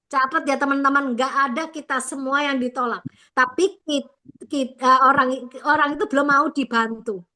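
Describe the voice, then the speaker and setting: A woman sales trainer coaching her team in an online session, full of lively praise and energetic feedback. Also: high-pitched, normal speed.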